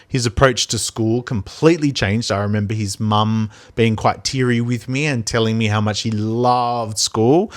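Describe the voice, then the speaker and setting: A man with a big, mid-range voice, recorded dry, hosts a podcast and works as a primary school teacher. His chat is reflective and casual, rambling along with many ums and restarts.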